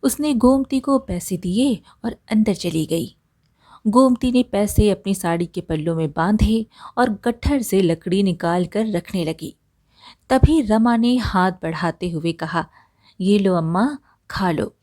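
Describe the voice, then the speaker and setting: Slow, mellow woman storyteller. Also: medium pitch, dry recording. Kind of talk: scripted storybook narration.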